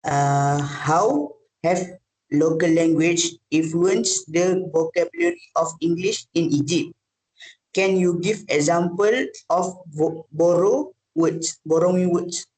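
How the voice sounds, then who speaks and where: A man's voice: on the high side, slow, a little mellow, rough recording. A man asking interview questions in English, hesitant, often repeating and correcting his words.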